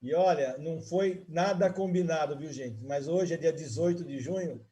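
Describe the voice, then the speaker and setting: A man's voice: fairly high pitch, moderate pace, warm tone. A man who hosts a live online interview and talks in long friendly runs with restarts. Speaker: host. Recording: live video stream.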